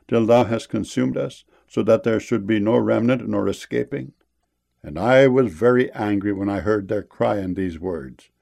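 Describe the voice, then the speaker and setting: Gravelly man reading scripture solemnly. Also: lowish voice, darkish tone. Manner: measured, solemn reading of verses.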